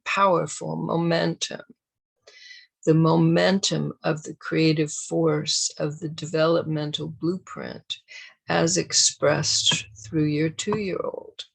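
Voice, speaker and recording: A woman hosting a parenting show, giving a deliberate, emphatic scripted talk to parents. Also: low-pitched, creaky, breathy edge, low-quality recording. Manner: slow, deliberate, emphatic delivery. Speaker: parenting educator and show host.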